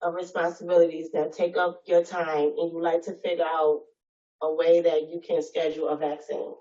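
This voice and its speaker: A woman trainee reading the health worker part of a role-play script in a steady, unhurried way. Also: low-pitched, distant mic, lo-fi sound.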